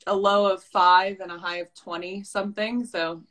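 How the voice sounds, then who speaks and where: Woman cohost, bright voice, lively and chatty. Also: medium pitch, normal speed. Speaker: podcast co-host. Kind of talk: casual podcast chat.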